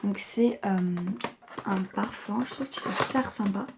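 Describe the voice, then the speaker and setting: Chatty young woman with a gravelly voice. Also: medium pitch, measured pace, noisy background. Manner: chatty, rambling, many fillers. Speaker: vlogger. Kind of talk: casual gift-unboxing vlog.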